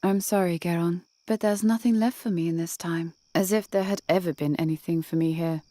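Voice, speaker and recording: A woman's voice: lowish voice, steady tone, brisk, mellow, no room sound, close to an everyday voice. An actress playing a restless, dreamy young woman guard who speaks in an earnest, wistful way. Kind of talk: game voice acting.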